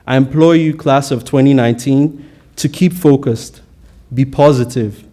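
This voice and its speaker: A man's voice: medium pitch, moderate pace, dark tone. A young man giving an earnest, prepared valedictory speech at a college graduation, with occasional stumbles on words.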